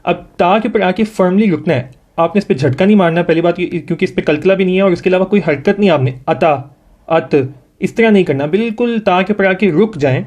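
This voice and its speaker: A man with a Pakistani accent and a high, somewhat mellow voice gives a one-on-one Quran reading lesson. With patience, he pronounces each sound slowly and waits for his student to repeat it.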